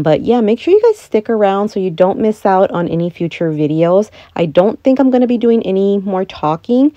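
Mellow-voiced woman chatting casually. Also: on the low side, dry recording, lo-fi sound. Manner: chatty, self-deprecating. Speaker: home vlogger. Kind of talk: casual voice-over chat.

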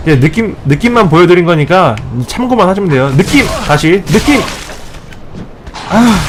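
A man hosting a let's play, giving joking step-by-step tips and scolding the enemies he fights, with sudden excited outbursts. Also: a little high. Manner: playful mock-tutorial tone, scolding enemies. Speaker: gaming channel host.

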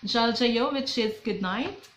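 The speaker is a young Filipino woman from the Philippines, a vlogger with a Filipino accent, chatting playfully and upbeat to camera in a small bedroom. She talks fast in a slightly high voice. The audio is roomy and low quality.

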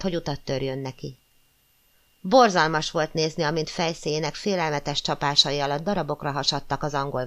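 A woman narrating a classic novel as an audiobook, in a measured, expressive storytelling manner. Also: low voice. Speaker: audiobook reader.

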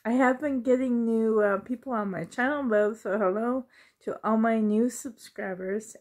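A middle-aged woman talks to her viewers in a casual vlog style. Her delivery is slow and halting, with thoughts that wander and trail off. The pitch sits in an ordinary female range, picked up by a phone held in her hand indoors. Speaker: vlogger. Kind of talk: casual, rambling vlog chat. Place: indoors in a living room at home. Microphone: handheld phone at arm's length.

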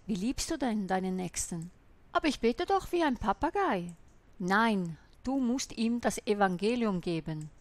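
A woman's voice: medium pitch, creaky. A woman voicing a sermon in translation, preaching in an emphatic, admonishing way.

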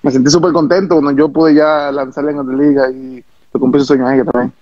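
Man, Dominican accent, former pitcher, animated storyteller, repeats words, dry close recording. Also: fast, no room sound, muffled recording. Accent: Dominican Spanish. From Dominican Republic. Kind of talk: interview storytelling.

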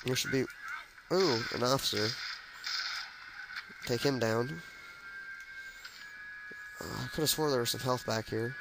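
Gravelly guy narrating his gameplay. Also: mid-range voice, unhurried, pauses often, music in the background, low-quality recording. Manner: chatty, jokey, narrates his moves as he plays. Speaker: let's play gamer. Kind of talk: casual gameplay commentary.

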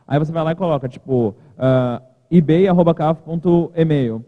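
A Brazilian man gives a casual keynote at a podium in a large conference hall, chatting informally with joking asides. His voice is on the high side, at normal speed. The hall is reverberant, and the sound is thin and lo-fi.

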